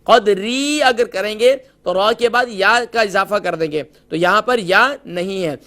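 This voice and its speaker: A man with a Pakistani Urdu accent teaching tajweed, slowly modelling each word before explaining the pronunciation rules. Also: high-pitched, sharp tone. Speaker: Quran recitation teacher.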